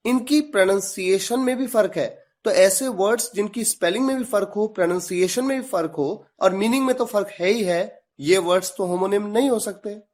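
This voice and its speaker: Lively-voiced man teaching a lesson. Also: high voice. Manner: spells words out letter by letter and asks rhetorical questions. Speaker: English teacher. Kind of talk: explanatory video lesson.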